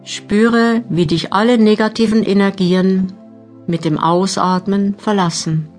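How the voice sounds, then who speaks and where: A woman narrating a guided meditation audiobook, giving measured instructions with long pauses. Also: mid-range voice, steady tone, a little mellow. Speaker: mental training narrator. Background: new-age music.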